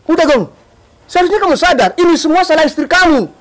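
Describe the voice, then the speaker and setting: A man's voice: very high voice, animated, fast. A man playing a stern father who scolds the husband and his own son. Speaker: the lover's father. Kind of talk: amateur village drama acting.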